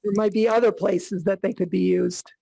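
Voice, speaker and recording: A man presenting a school budget at a board meeting, easygoing and quick to laugh. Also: sits high, steady tone, gravelly, mellow, no room sound, low-quality recording. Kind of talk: meeting discussion.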